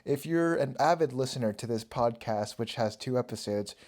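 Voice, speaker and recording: A man's voice: mid-range voice, moderate pace, darkish tone. A young man hosting a solo podcast, chatting casually in a rambling, self-mocking way. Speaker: podcast host.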